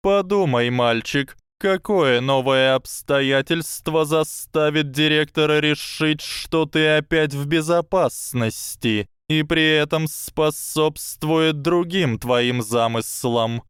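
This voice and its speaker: Sardonic scheming snake, read by a male narrator: hissing, mocking, raised and slow. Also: on the high side, fairly bright tone, smooth, dry recording, clean studio sound, voice pushed up.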